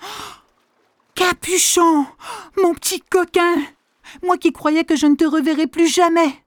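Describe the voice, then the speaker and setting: Excited old granny, woman putting her on, high and exclaiming, kids story. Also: a little slow, no room sound, clean studio sound. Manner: exclaiming, fond. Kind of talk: children's audio storybook.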